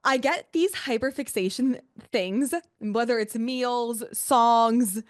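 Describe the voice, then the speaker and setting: A woman's voice: on the high side, slow, no echo, studio quality. A woman hosting a live online workshop in a casual, gushing, chatty way, with lots of "like" and repeated exclamations. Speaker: workshop host and coach. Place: live video-call session with a camera, indoors.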